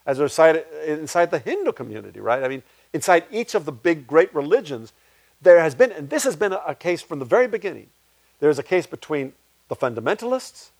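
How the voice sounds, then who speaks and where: A man, a playwright, answering audience questions at a public talk in a reflective way, restarting his sentences often. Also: no echo. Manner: reflective, restarts often, animated pitch swings. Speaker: guest speaker, playwright.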